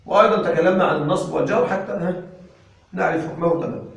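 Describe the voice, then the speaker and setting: High-voiced man teaching grammar in an echoey room. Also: gravelly, far from the mic. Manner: drills with questions to the students, slow on examples. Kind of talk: classroom lesson.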